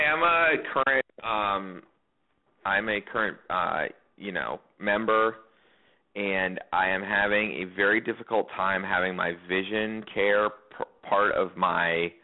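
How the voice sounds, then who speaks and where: Male caller, low creaky voice, hesitant conversational delivery, tinny phone audio. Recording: tinny narrow phone line.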